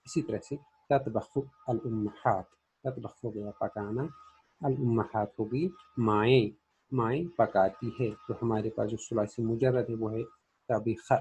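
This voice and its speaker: Male language teacher, warm and slightly raspy, methodical question-and-answer drilling. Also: on the low side, fairly even intonation, measured pace, rough recording. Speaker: Arabic grammar teacher. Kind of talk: classroom grammar lesson.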